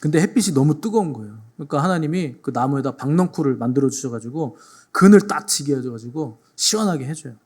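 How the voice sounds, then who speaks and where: A man pastor delivers a sermon in a church and addresses his congregation directly. He tells the story with animated energy and acts out the voices of the people in it. His speaking voice sits somewhat high for a man. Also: fast talker.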